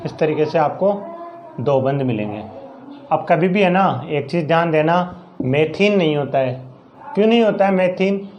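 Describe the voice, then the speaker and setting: A man's voice: fairly high pitch, a little mellow, dull audio, slight background noise. A male science teacher with a Rajasthani Hindi accent, giving a classroom chemistry lesson. He explains each step, counts aloud and asks questions that he then answers himself.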